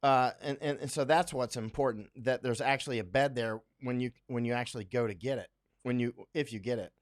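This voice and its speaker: A man from Central Florida, USA, hosts a casual livestream from his home in Thailand, speaking briskly at a medium pitch. He reads viewer comments aloud and rambles through his answers with plenty of fillers and restarts.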